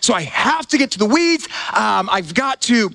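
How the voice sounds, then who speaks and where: High, bright-voiced man preaching casually. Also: sing-song, moderate pace, creaky. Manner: conversational, full of fillers and repeated words. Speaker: pastor. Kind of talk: sermon. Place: church gathering.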